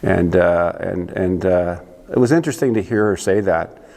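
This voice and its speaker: Older Canadian man, rambling and low. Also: creaky, a little mellow, big-room sound. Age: 60s. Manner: rambling, unhurried, frequent restarts and uhs. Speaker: church show host. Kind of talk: casual monologue to camera.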